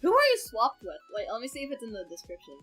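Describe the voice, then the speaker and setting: A woman's voice: on the high side, wildly swooping pitch, quick pace, a bit bright, breathy edge, faint music behind, poor audio. A young woman hosting a casual reaction chat with a friend, rambling, correcting herself and laughing as she goes. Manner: chatty and rambling, with sudden laughs and self-corrections. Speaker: video reactor, channel host.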